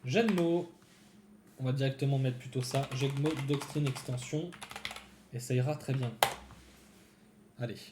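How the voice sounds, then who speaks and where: A man's voice: mid-range voice, unhurried, long pauses, reverberant, background noise. A man giving casual live-coding commentary to his viewers, thinking aloud as he types. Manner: thinks aloud, chatty, talks to viewers while typing. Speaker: developer streaming a coding session.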